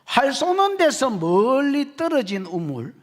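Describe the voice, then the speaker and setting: A man preaching with a strong Gyeongsang accent, his voice sitting very high and swinging widely up and down. He teases the congregation with jokes, then drives his points home with shouted emphasis. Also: unhurried. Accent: Gyeongsang Korean. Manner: animated, jokey, shouts for emphasis. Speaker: pastor. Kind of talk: expository sermon.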